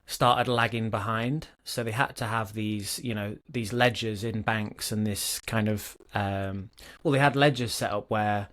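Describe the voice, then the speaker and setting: Low-voiced chatty podcast co-host. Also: male voice, fairly even intonation, a bit bright. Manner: chatty, self-correcting, pauses to comment. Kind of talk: casual chat and reading a book aloud.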